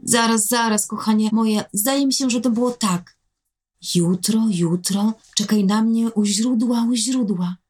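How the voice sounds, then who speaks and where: A woman reading a storybook voices a kindly old nanny who speaks gently and affectionately. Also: a little high, measured pace, breathy edge, voice pushed up. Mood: tender. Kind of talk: storybook narration.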